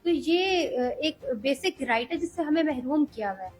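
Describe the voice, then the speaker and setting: A young woman speaking earnestly as an interview guest, measured and hesitant at times. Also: high-pitched, lively intonation, darkish tone, faint music behind, low-quality recording. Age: young adult. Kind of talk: political interview.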